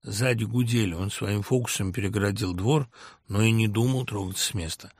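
A man narrating an audiobook of a novel in an expressive, lively storytelling manner. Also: on the low side, brisk, husky, no room sound, studio quality.

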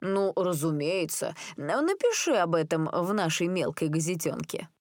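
An arrogant rich teenage boy sneers coolly in an audiobook, as a woman reading puts him on. He speaks low-key and unbothered. The recording is dry and close. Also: lively intonation, moderate pace, no room sound. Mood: sneering. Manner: sneering, cool. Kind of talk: audiobook character voice.

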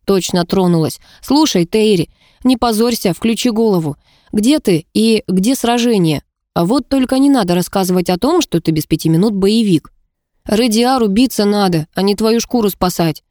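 A woman's voice: mid-range voice, normal speed, mellow, no echo, clean studio sound, close to an everyday voice. A woman reading an audiobook, voicing a small, mocking male pixie who scolds and teases. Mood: scolding. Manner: scolding, teasing. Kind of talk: audiobook narration.

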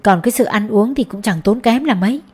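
A woman voicing a genial, talkative middle-aged male schoolteacher in a storybook reading, her own mellow voice pitched up a little. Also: brisk, breathy edge, close to an everyday voice.

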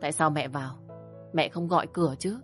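A woman voicing a mild young husband who pleads quietly. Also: low-pitched, fairly quick, soft background music, lightly acted. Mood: annoyed. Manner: subdued, pleading. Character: young husband, grad student, mild and conflict-avoiding.

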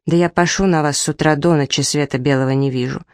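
A woman's voice: low-pitched, fairly even intonation, quick pace, dry recording, clean studio sound. Woman reading as an irritable young husband. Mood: irritated. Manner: short-tempered, snapping, rude. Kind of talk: reading a story aloud.

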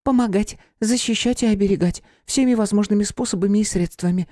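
A man voicing a small, timid female squirrel golem in a squeaky, formal, apologetic way. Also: fairly quick, dark tone, no echo, studio quality, natural voice. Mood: earnest. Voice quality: squeaky, piping.

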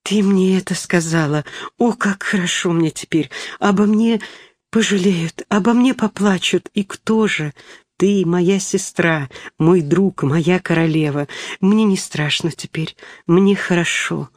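A woman voicing a frail, dying young boy who speaks softly and weakly. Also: fairly low pitch, unhurried, dry recording. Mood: fading, tender. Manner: soft, weak, hushed speech.

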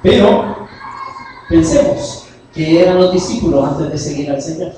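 A male pastor with a high voice preaches in call-and-response style, firing rhetorical questions at the congregation and slipping in jokey asides. His voice rings through a very echoey church hall and is picked up from well back from the mic. Faint noise sits underneath. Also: a little slow, dark tone, far from the mic. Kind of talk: sermon.

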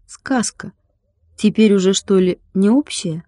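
A woman's voice: medium pitch, measured pace, warm tone, no echo, close to an everyday voice. A woman voicing a stubborn, whiny young boy nursing a hurt knee, talking in a sulky, pleading way.

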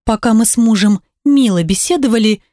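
A woman reading a first-person audiobook in an expressive way and giving the characters their own voices. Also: on the high side, a little fast, dry recording, studio quality. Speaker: audiobook narrator.

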